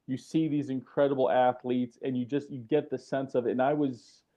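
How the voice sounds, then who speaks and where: A man with a mellow, darker voice at a middle pitch tells a story on a podcast. He is earnest and often repeats words as he gathers his thoughts. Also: flat delivery, fairly quick, muffled recording. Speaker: podcast co-host. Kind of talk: casual chat.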